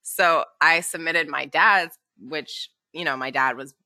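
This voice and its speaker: A woman's voice: low voice, a little slow, pushed and bright, no echo. A woman talking in a casual podcast chat, chatty with lots of fillers and frequent laughs.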